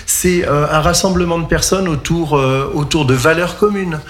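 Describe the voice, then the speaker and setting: A man, a singer, giving a radio interview about his musical, lively and emphatic. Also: fairly high pitch, normal speed.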